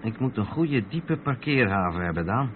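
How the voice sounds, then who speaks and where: In a thin, narrow-band radio drama recording with clear vehicle noise, an actor with a rather low, natural voice plays a steady truck driver. Speaking at normal speed, he patiently explains things to his companion.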